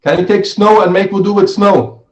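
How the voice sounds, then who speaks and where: A man's voice: sits high, fairly even intonation, normal speed. A man teaching an interactive religious lesson, posing questions, repeating his phrases and often checking with "right?". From Switzerland. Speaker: Islamic studies teacher. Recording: roomy, echoey sound.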